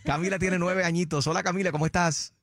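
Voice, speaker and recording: Brief: lively male morning radio host, slightly high voice, teasing, bilingual banter. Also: fast. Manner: playful, laughing, switches between Spanish and English.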